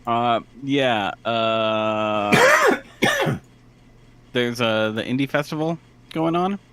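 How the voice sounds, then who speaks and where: A man co-hosting a podcast, reading out game sales in a relaxed way with many fillers. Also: mid-range voice, drawn-out words, a little hiss or hum. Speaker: co-host reading game deals. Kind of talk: casual podcast banter.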